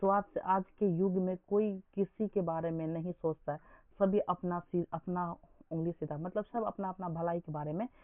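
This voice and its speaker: Young guy tutoring for exams, keeps quizzing you, high voice, tinny phone-like sound. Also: fairly even intonation, moderate pace, no room sound. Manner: quizzing listeners with repeated questions. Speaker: teacher. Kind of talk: exam coaching lesson.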